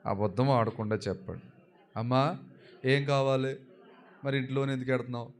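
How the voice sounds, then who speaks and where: Telugu pastor preaching with big swings. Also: male voice, steady tone, moderate pace. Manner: exhorting, calls for replies from the congregation; swings between soft low asides and loud high-pitched proclamation. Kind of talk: sermon.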